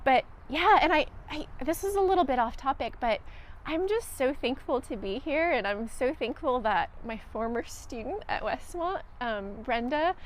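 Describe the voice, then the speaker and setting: A woman's voice: high voice, animated, normal speed, slight background noise. A woman from Romania, a researcher and teacher, telling her life story as an interview guest in an earnest, reflective way with frequent "um"s.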